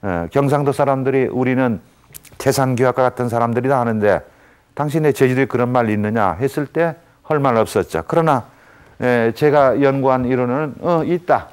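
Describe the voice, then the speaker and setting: A man's voice: mid-range voice, moderate pace, a little mellow, clean tone. Male lecturer, mid-range voice, patient step-by-step explainer with habitual fillers. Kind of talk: academic lecture.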